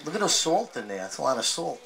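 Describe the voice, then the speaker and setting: A man performing a stand-up comedy set, telling stories with acted-out voices and loud outbursts. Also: fairly high pitch, big pitch swings, fast talker, gravelly, low-quality recording. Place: live comedy venue with laughing audience. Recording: live audience crowd noise. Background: audience laughter and applause.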